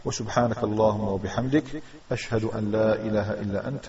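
A man's voice: on the low side, fairly even intonation, fast. A man with a Maghrebi Arabic accent teaching a religious grammar lesson, methodically repeating rules and posing questions to the class. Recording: distant dull recording with a crowd audible.

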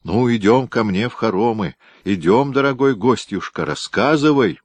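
A man's voice: medium pitch, animated, moderate pace, no echo, pitched above the performer's own voice, close to an everyday voice. A man voicing Nikita, an older boyar father who exclaims with tearful joy, in a storybook reading. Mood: emotional.

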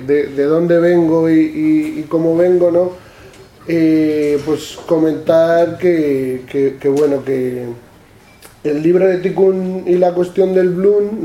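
Halting Manchegan man giving a talk. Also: fairly high pitch, warm tone. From La Mancha, Spain. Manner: halting, repeats words and adds "¿no?" often. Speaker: author presenting his books. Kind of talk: public talk. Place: event room with an audience. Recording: echoey room.

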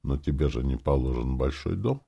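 A man's voice: extremely low pitch, animated, moderate pace, creaky, warm tone, slightly rough, pitched below the performer's own voice, full character voice. A man doing a chirpy young female elf shopkeeper. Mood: explaining.

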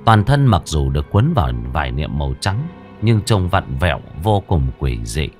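A man narrating a village ghost story in a dramatic, expressive way. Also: low voice, moderate pace, soft background music. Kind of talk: scripted horror story narration.

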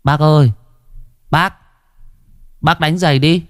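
A man voicing a timid, poor boy shoe shiner of about thirteen who speaks in a pleading, polite and hurried way. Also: on the high side, steady tone, no echo, clean studio sound, pitched above the performer's own voice. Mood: eager pleading.

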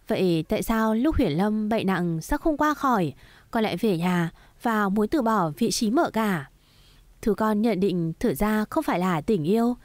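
A woman voicing a gentle, patient middle-aged mother who soothes her daughter in a storybook reading, with a soft coaxing tone and a dry recording. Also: mid-range voice, no echo, close to an everyday voice.

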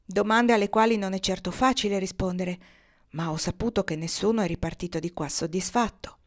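A woman's voice: medium pitch, fairly quick, lightly acted. A woman reading a shrewd humble peasant. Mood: curious. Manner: read aloud with light character voicing.

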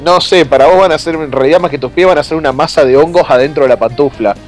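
An Argentine man co-hosting a podcast, trading jokes and teasing his guests in casual chat. His voice sits a little higher than most men's, with faint music somewhere behind him. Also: fast. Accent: Argentine Spanish. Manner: joking, teasing banter. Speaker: podcast co-host.

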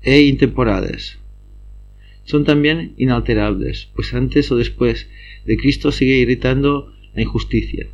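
A man reads through philosophy study notes in an even, mid-range voice, tripping over words now and then and going back to fix them. The recording is a little dull and muffled. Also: mid-range voice, unhurried. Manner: reads steadily with frequent slips and restarts. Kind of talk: reading lecture notes aloud.

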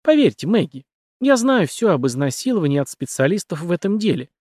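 A man voicing a young woman killer who speaks softly and composedly with quiet menace. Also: high-pitched, very animated, a little fast, dry recording, clean studio sound, pitched above the performer's own voice. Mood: calm menace. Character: cold calm female killer, young woman.

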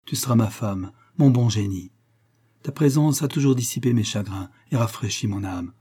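A man reading the part of a young man deeply moved by love, speaking in an earnest, emotional way in an audiobook. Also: normal speed, warm tone, slightly rough, natural voice.

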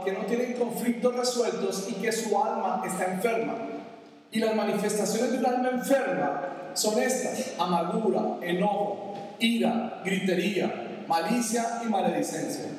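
A man preaching a sermon with a fairly high voice. He reads out verses and explains them with plain examples. His voice rings through a big reverberant church hall, picked up from a distance with a faint hiss behind it. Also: a little mellow. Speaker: pastor. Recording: roomy reverberant hall, distant mic, faint background noise.

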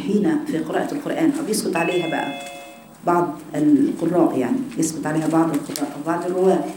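Egyptian lady teaching quran reading to students, lowish dark voice, roomy echo and faint hiss. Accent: Egyptian Arabic. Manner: corrects students by repeating words over and over. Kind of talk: religious lesson with students. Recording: echoey room, faint ambient noise.

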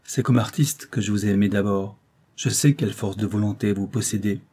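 A steady, earnest young man in love, as a male reader plays him, speaking gravely and calmly. The tone is low, warm and slightly husky, in a storybook reading. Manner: grave, calm, measured. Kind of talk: audiobook character reading.

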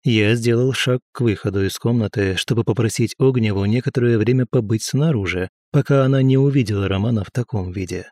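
A man narrating an audiobook in the first person with a steady, measured reading. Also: lowish voice, no echo, studio quality.

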